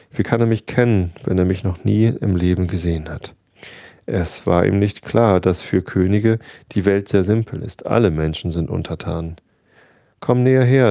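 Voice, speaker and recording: A man's voice: deep voice, gravelly, dark tone, dry recording, studio quality. A man reading a storybook aloud, with wry asides as he describes the pictures. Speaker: reader.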